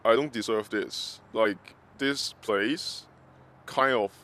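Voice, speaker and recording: Man with a disguised deep voice. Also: fairly bright tone. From Hong Kong. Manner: halting, searching for words, many restarts and "like" fillers. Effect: voice disguised, pitch-shifted deeper. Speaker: pro-democracy organizer. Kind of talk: interview testimony.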